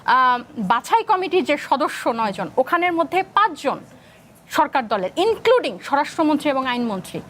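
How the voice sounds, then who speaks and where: A woman's voice: high voice, sing-song, normal speed, a bit bright, slight background noise. A woman with a Bangladeshi Bengali accent on a political talk show panel, arguing her case and slipping English phrases into her speech.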